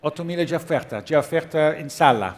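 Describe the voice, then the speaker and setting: A man's voice: on the high side, animated, fast talker. A man working as an auctioneer, calling bids in a repetitive chant at a live auction and switching between languages. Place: auction room.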